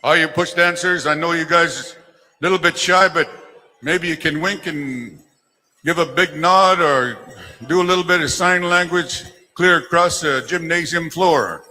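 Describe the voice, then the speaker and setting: A man's voice: on the high side, unhurried, sharp tone. A man working as a powwow emcee, announcing to and rallying dancers in an encouraging, folksy, joking way over a gymnasium PA. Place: large indoor gymnasium. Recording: PA in echoey gymnasium, long reverb.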